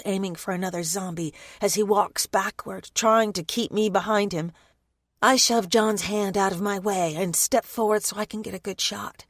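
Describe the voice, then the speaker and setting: A woman's voice: mid-range voice, no echo. Dry, close woman narrating an audiobook. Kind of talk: first-person scripted narration.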